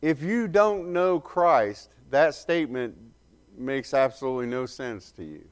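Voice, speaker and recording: A man preaching an earnest, emphatic sermon, pausing and correcting himself as he goes. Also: mid-range voice, lively intonation, smooth.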